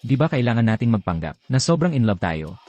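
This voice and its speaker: A man's voice: medium pitch, fast, dull audio, slight background noise, lightly acted. A man dubbing a drama, playing a young husband who playfully coaxes and teases his wife. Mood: persuasive. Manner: playful, coaxing, lively. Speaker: dubbing actor. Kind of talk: dubbed drama acting.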